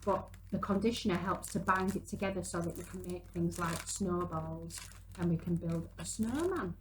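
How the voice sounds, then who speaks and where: A woman in her thirties talks parents and young children through a hands-on craft, working as she casually explains each step. Her voice is fairly low and moderately paced, and the low-quality recording has slight background noise.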